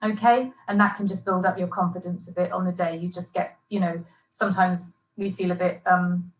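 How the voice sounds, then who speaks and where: A woman presenting an exam-preparation webinar as a teacher trainer, chatty and encouraging, often pausing with fillers and restarting her sentences. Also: on the low side, fairly even intonation. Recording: echoey room.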